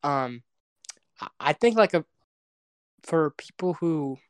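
A man's voice: on the high side, lively intonation, takes it slowly, clear, resonant tone, no echo. A young man co-hosting a casual podcast chat, rambling with many fillers and restarts. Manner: rambling, filler-heavy, hesitant. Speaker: podcast co-host.

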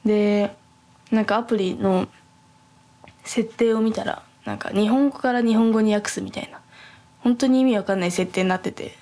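A young woman hosting a podcast, telling a travel story in a soft, quiet voice, rambling with many fillers and self-corrections. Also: mid-range voice, fairly even intonation, normal speed. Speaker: podcast host. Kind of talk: casual storytelling chat.

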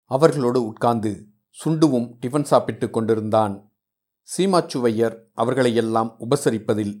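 A man reading a novel aloud in a steady, measured storytelling voice. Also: mid-range voice. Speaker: narrator.

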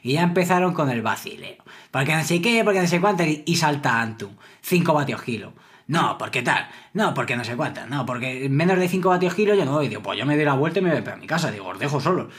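A man's voice: fairly high pitch, lively intonation, quick pace, a bit bright. A man casually telling a cycling anecdote on a podcast, acting out what his friends said. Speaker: podcast co-host. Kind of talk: casual storytelling chat.

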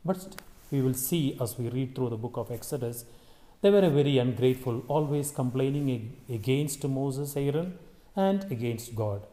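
A priest leading Mass, reading the gospel and preaching a homily in a slow, solemn way, his voice ringing with a long cathedral echo. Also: medium pitch, mellow. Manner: measured, solemn delivery with pauses. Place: large church.

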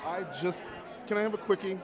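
A man's voice: high voice, fairly even intonation, fairly quick. Male host, gushing red carpet chatter, effusive and playful, busy crowd behind. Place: red carpet line at a theater luncheon. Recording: busy crowd around, outdoor event.

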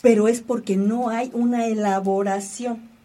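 A woman leads a reflective talk about emotions, setting out ideas as a teacher would and asking guiding questions. Her voice is mellow and dark and carries a husky edge. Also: a little high, fairly even intonation, a little slow.

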